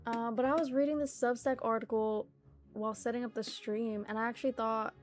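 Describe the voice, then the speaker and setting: A woman's voice: a little high, steady tone, fairly quick. Chatty young woman streamer, faint music. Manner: chatty, playful, filler-heavy. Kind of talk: casual livestream chat and reading aloud.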